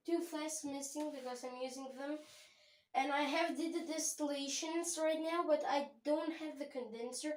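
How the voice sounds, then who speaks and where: High-voiced woman in an echoey room. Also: normal speed, darkish tone. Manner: rambling, self-correcting, chatty. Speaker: home chemistry channel host. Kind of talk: casual lab tour. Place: home chemistry lab.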